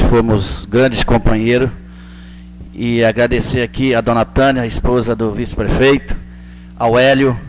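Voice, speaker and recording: A man with a Brazilian accent giving an informal, colloquial speech as a town councillor. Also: mid-range voice. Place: council chamber. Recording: noisy, humming public address recording.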